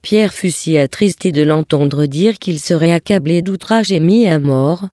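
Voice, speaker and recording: Audiobook reader, steady even narration, mellow dark tone, dry close sound. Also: medium pitch, a little slow, dry recording. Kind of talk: scripted narration of a religious text.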